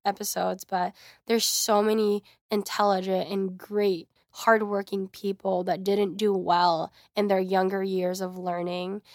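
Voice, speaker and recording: A young woman hosting her podcast, telling a personal story in a chatty, animated way. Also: mid-range voice, unhurried, no echo, studio quality. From United States. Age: young adult. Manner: chatty, frequent "like", animated quoting. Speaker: podcast host. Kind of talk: casual storytelling monologue.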